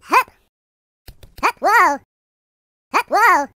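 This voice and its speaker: Tiny cartoon hedgehog soldier, squeaky, piercingly high, slow drawn-out delivery, cocky, excitable, video game barks. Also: no echo, clean studio sound, heavily acted. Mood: excited, effortful. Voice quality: squeaky, childlike. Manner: short exclamations, taunting.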